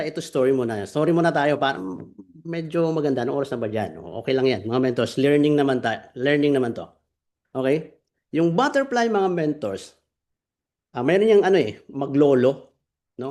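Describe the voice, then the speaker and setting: Brief: man, mid-range voice, energetic online business mentor streaming live to his students. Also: medium pitch. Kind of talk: live online training session.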